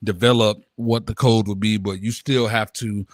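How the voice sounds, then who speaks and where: A man's voice: fairly low pitch, fairly even intonation, normal speed, no room sound, clean studio sound. A man in his late thirties co-hosting a casual talk show, laid-back and full of slang, tossing in "bro" constantly. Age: 30s. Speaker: podcast co-host. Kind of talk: casual chat.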